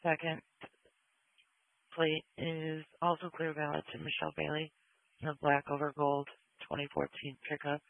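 High-pitched male police dispatcher on dull radio. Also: completely flat delivery, moderate pace, vocal fry, no room sound. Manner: procedural, repeats numbers and locations. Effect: two-way radio. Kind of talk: clipped radio dispatch talk. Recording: dull, band-limited police radio audio.

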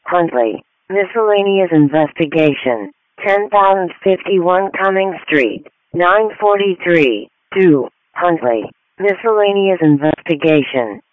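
Give me a high, slow male dispatch voice over a police radio. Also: no room sound. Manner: slow, clipped, flat-cadence readout of call details. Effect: dispatch radio over a scanner. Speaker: automated fire dispatch announcer. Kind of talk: repeated tone-out call readout. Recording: tinny, dry radio scanner audio.

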